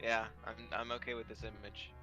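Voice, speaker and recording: A man playing a tabletop game on stream, calmly describing what his character does. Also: lowish voice, brisk, music in the background. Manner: relaxed, narrating his own character's actions. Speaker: player. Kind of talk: casual tabletop role-play chat.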